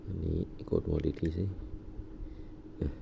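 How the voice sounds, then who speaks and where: A man casually reviewing a gadget, talking haltingly as he presses buttons and explains each one. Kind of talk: casual hands-on product demo. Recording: dull lo-fi audio with steady background noise.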